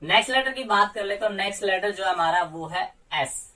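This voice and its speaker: A man teaching English pronunciation in a coaching lesson, patiently saying example words slowly one by one. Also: high-pitched, expressive, pushed and bright. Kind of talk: explaining silent letters in a lesson. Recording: voice a little far from the mic.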